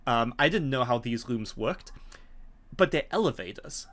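A middle-aged man acting as game master narrates a tabletop game, recorded over a video call from a room at home. His medium-pitched voice is animated and fairly bright, though his explanations come haltingly, with frequent pauses.

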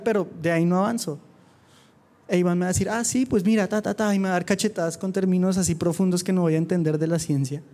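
A man preaching to young people with a fervent drive. His voice sits high, and he mixes earnest appeals with quick, joking asides. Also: dark tone. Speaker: youth preacher. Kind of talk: sermon. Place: church youth meeting.

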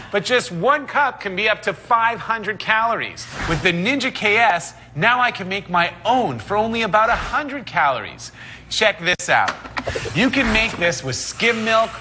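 A man around his forties giving an enthusiastic product demonstration pitch in a studio kitchen. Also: noisy background. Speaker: infomercial presenter. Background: music behind the voice.

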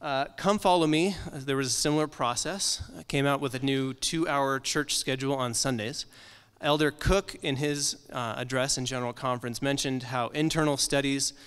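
A man's voice: mid-range voice, normal speed, a bit bright, clean tone, long reverb tail. A man in his thirties giving a conference presentation from slides in a library meeting room, talking casually with frequent ums and uhs. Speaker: conference speaker.

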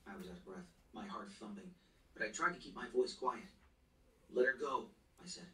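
A man's voice: fairly low pitch, expressive, fairly quick, a bit bright. A man reading a novel aloud in the first person, in a tense, earnest storytelling manner. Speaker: audiobook narrator. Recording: roomy echo, distant mic, faint ambience.

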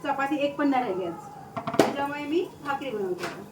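A woman's voice: lively intonation, fast talker, echoey room, far from the mic, background noise. A woman vlogging casually from her home kitchen while cooking, chatting to viewers and to her pets. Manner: chatty, switches to high sing-song baby talk for her pets. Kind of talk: casual home vlog narration. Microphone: phone held or propped while cooking.

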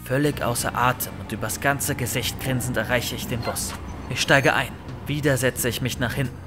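A man reading a first-person horror story aloud in an expressive, lively storytelling manner. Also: mid-range voice, normal speed. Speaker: narrator. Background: faint music.

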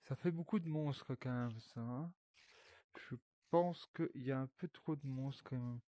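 A man's voice: medium pitch, unhurried, dark tone, no echo. A young man, rambling casually to his viewers while playing a VR game, swearing often. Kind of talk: casual gaming commentary.

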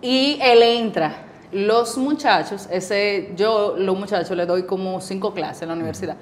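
A woman's voice: mid-range voice, measured pace, a little hiss or hum. A woman in her forties with a Dominican accent, a guest telling her story in a casual interview and acting out the voices of the people she quotes. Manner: lively storyteller who acts out quoted dialogue. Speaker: guest, cancer survivor.

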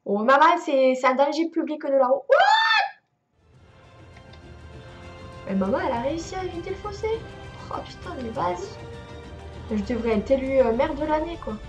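A woman's voice: high-pitched, expressive, a little fast, muffled recording, music in the background. A young woman playing a game and commenting on it, swearing often and mocking herself. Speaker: gaming youtuber. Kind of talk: let's play commentary.

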